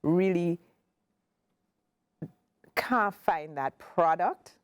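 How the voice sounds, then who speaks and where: A Grenadian woman in her forties, with a Caribbean accent, appears as a guest CEO in a casual interview. She speaks in a measured, emphatic way, repeating points for stress, in a lowish, clear, resonant voice. The recording is dry.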